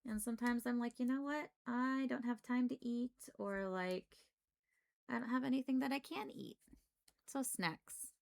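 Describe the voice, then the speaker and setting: A woman's voice: on the high side, a little slow, gravelly. A woman livestreamer chatting casually in an informal, rambling way.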